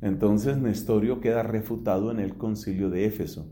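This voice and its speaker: A man's voice: on the low side, fairly even intonation, normal speed, mellow. A middle-aged man from Colombia, a priest giving a theology lecture, who explains step by step and poses rhetorical questions that he answers himself.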